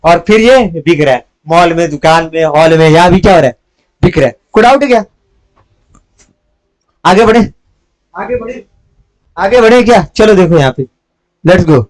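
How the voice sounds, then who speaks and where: A young male teacher with a high voice runs a lively commerce lesson. He fires quick questions at the class and answers them himself, dropping English terms into his talk. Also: low-quality recording. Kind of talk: live class lecture.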